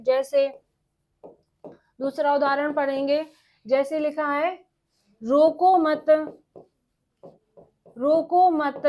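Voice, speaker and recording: High-voiced, slow-dictating woman teacher. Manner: dictating slowly, repeating phrases for note-taking; asks questions and answers them herself. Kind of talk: exam-prep grammar lesson.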